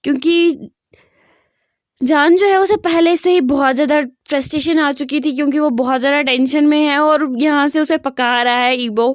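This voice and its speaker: High-voiced chatty woman storyteller. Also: a little fast, few pauses, no echo, studio quality. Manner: chatty, filler-heavy. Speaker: fan fiction storyteller. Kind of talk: casual story retelling.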